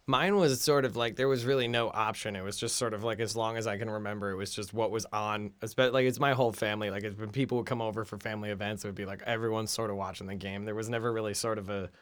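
A man's voice: lowish voice, steady tone, quick pace, few pauses, a bit bright, smooth. A man from New Jersey co-hosting a sports podcast, rambling wryly and laughing as he talks. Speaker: podcast co-host. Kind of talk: casual sports chat.

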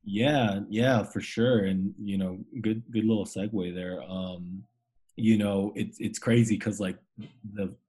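A man's voice: lowish voice, fairly even intonation, takes it slowly, warm tone, slightly rough. A man in his twenties, hosting a casual chat, slangy and laughing often, repeating words as he restarts. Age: 20s.

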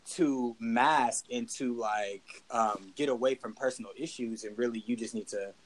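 A man's voice: mid-range voice, unhurried, poor audio. A man co-hosting a podcast, talking casually and emphatically about rap music, with sudden rising bursts. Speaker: podcast co-host. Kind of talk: casual hip hop debate.

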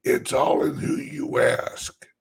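A man with a dry, scratchy voice like a smoker's rasp, chatting casually and haltingly to his viewers in a rambling way. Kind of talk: casual live chat.

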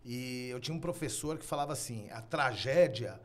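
A man with a Brazilian accent who hosts a podcast and tells stories in a relaxed, conversational way. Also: mid-range voice, fast. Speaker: podcast host.

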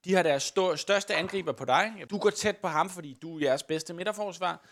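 A man's voice: sits high, a bit bright. A man running a football role-play game as game master, narrating the match like a commentator.

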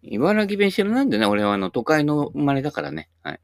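A Japanese man in his sixties hosts his own YouTube channel, talking in a casual, rambling monologue. His voice sits on the high side, with big pitch swings and a fast pace, in a dry, studio-quality recording. He is chatty and folksy, full of asides and tag particles.

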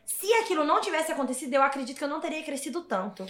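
A woman, telling her story as an interview guest in an animated, emphatic way and repeating words for stress. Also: sits high, very fast. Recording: roomy echo.

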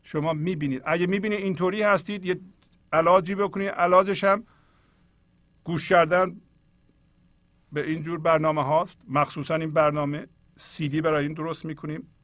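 A man's voice: a little high, fairly even intonation, a bit bright, no room sound. A middle-aged man hosting a spiritual program, explaining verses of poetry in a colloquial and earnest way, and urging listeners directly. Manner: earnest, exhorting, speaks straight to listeners. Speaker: host.

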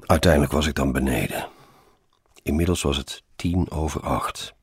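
A man's voice: very deep voice, lively intonation, normal speed, gravelly, slight background noise. A man reading a first-person story aloud in a wry, sardonic manner.

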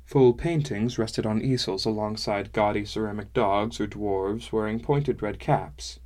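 A man narrating a fantasy book chapter in the first person, measured and descriptive. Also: fairly low pitch, a little mellow. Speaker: audiobook narrator.

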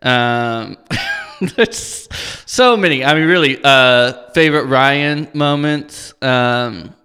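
Animated laughing man in a reverberant room. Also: mid-range voice, slow, clear, resonant tone. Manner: animated, laughs often, acts out quotes. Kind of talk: casual chat about a sitcom.

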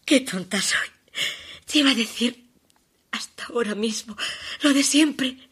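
A woman's voice: fairly high pitch, husky, heavily acted. An actress playing a heartbroken woman on the phone. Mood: tender. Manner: emotional, halting, shifting between hushed pleas and urgent outbursts. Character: desperate woman pleading with her departing lover by phone. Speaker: stage actress. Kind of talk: theatrical monologue.

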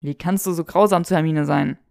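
A woman's voice: low voice, brisk, gravelly, mellow, no echo, clean studio sound, voice pushed down. A woman voicing a mischievous young wizard who talks in a teasing, showy, mock-indignant way.

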